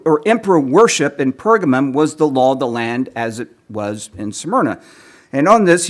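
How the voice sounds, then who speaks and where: Man, sermon, measured lecturing, slightly high voice, losing his voice. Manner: measured lecturing with occasional throat clearing. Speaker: preacher. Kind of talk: sermon teaching.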